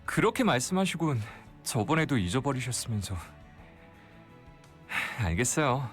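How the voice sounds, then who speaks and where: A male actor voicing a polite young shopkeeper in a mystery game, courteous and talking briskly. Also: medium pitch, soft background music, close to an everyday voice. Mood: teasing. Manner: courteous, lively, quick speech. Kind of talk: game voice acting.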